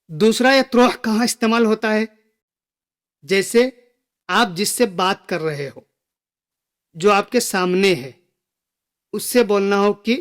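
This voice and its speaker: A man teaching a spoken language lesson, slowly repeating each phrase for learners. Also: high-pitched. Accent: Gulf Arabic phrases within Hindi speech. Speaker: Arabic teacher.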